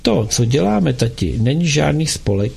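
A stubborn teenage schoolboy talks back to his father, as a male reader voices him. He sounds indignant and defiant. The voice is gravelly and husky underneath. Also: on the high side, big pitch swings, darkish tone, exaggerated voice.

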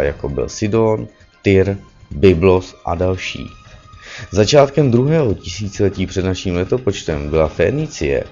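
Low-voiced man lecturing, muffled recording. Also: warm tone. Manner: lecturing, with frequent self-corrections and "že ano" tags. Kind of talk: spoken lecture. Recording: dull lo-fi recording with faint music behind.

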